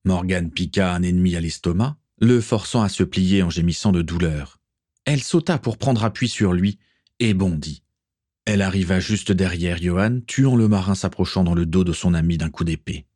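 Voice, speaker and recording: A man narrating an adventure story in a steady, even reading voice. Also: low-pitched, moderate pace, no room sound, studio quality. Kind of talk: audiobook reading.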